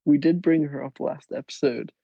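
A teenage boy co-hosting a podcast, cracking teasing deadpan jokes. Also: fairly high pitch, normal speed, gravelly, slightly rough, no echo, dull audio. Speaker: podcast co-host. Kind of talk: casual chat.

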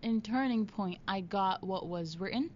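A young woman co-hosts a podcast and talks in a hesitant, rambling way. Her voice sits at a middle pitch. The sound is dull, with a faint hiss underneath. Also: moderate pace, darkish tone. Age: young adult. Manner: hesitant, rambling, with many ums. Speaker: podcast co-host. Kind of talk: casual chat. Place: radio studio. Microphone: studio mic.

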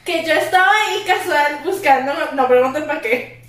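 A woman's voice: sits high, normal speed, fairly bright tone. A Costa Rican woman co-hosting a podcast, telling gossip in a casual, slangy and playful way. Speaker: podcast co-host. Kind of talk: casual chat, gossipy storytelling. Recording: echoey room, distant mic.

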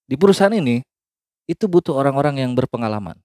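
A man's voice: medium pitch, lively intonation, fast, darkish tone, no echo, studio quality, natural voice. A man improvising the role of a condescending, dismissive HR interviewer. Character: dismissive male HR interviewer at an oil company.

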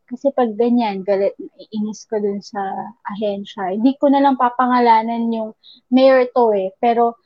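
High-voiced woman venting. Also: steady tone, moderate pace, no echo, dull audio. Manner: venting, mixes English into Filipino. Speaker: radio host. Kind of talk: casual chat.

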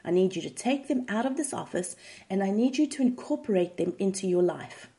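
A woman voicing a blunt, impatient male therapist in a retold comedy sketch, speaking curtly and deadpan. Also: mid-range voice, fairly quick, close to an everyday voice.

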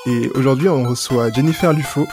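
A man's voice: medium pitch, brisk, music in the background. A man hosting a video game podcast, introducing a guest and asking questions with some fillers. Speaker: podcast host. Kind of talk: podcast interview.

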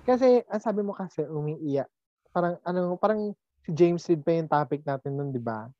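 A woman chatting casually with a friend, teasing and lively. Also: on the low side, moderate pace, no room sound, muffled recording. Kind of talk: casual chat.

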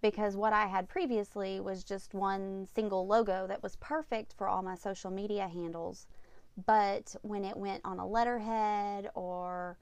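Upbeat woman with creaky voice. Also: mid-range voice, dry recording. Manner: upbeat, tidy step-by-step advice like a vlogger. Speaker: podcast host. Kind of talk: casual solo advice podcast.

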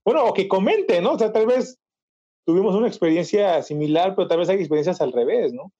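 High-voiced Mexican man, dull lo-fi sound. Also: fairly quick. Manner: relaxed, chimes in, laughs along. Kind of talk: casual chat. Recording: dull lo-fi recording.

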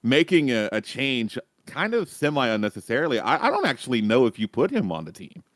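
A man's voice: mid-range voice, huge pitch swings, a little fast, no room sound. A man on an esports panel, talking casually and thinking aloud with many hedges.

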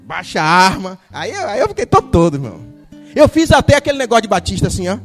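Brief: Brazilian male pastor, very high voice, animated sermon storytelling, soft guitar underneath. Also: fast talker, in a large hall. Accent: Brazilian Portuguese. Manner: animated storytelling, acting out dialogue.

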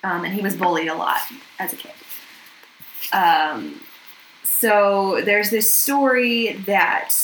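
Young woman podcast cohost, bright voice, laughs a lot, swears, says like a lot, echoey room. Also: medium pitch, takes it slowly, long pauses, slight background noise. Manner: laughs often, swears, heavy "like" and "um" fillers. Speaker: podcast co-host. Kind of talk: casual true-crime chat.

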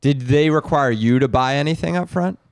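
A man's voice: on the high side, creaky, a little mellow. Wry, sarcastic male podcast host. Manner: wry, sarcastic, quick to joke. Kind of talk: casual chat.

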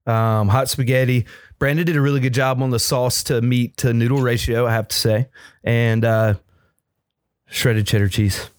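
A man co-hosting a casual chat, describing a family recipe in a relaxed, hesitant way. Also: mid-range voice, moderate pace, clear, resonant tone, no echo, clean studio sound. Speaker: co-host describing his recipe.

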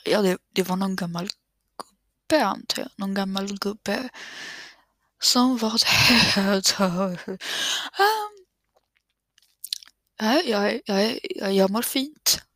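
A woman's voice: mid-range voice, animated, long pauses, fairly bright tone, no room sound. A woman whispering nervously as she narrates a horror game, stammering and swearing under her breath.

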